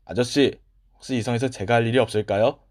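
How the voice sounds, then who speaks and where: A man voicing an eager, polite young boy servant in a children's storybook, loud and earnest. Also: mid-range voice, steady tone, quick pace, lightly acted.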